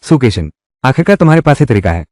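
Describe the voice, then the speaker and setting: A menacing tough guy from a dubbed revenge drama, voiced by a man. His pitch swings widely as he threatens, and the close studio recording is dry with no room sound. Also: big pitch swings, fast talker, a little mellow, dry recording, close to an everyday voice. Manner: threatening, confrontational delivery. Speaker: dubbing voice actor. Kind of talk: Hindi dub of a live-action drama.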